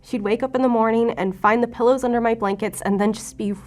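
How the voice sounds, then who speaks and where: An actress with a quick, fairly even, a little high voice and a darkish tone close to everyday speech plays a wounded, guarded female FBI agent in an audio drama. Her confessional lines carry sardonic defiance, with a bleak, pained mood.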